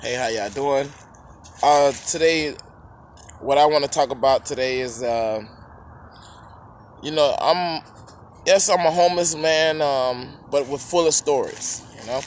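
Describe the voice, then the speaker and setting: A man telling a rambling personal story to camera, halting with fillers and restarts, eating while he talks. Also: fairly high pitch, a little hiss or hum.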